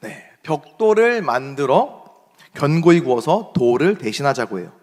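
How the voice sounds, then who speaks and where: Young male pastor, seoul korean, lively pitch, storytelling sermon, long church reverb. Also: moderate pace. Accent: Seoul standard Korean. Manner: animated storyteller acting out shouted quotes. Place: church hall.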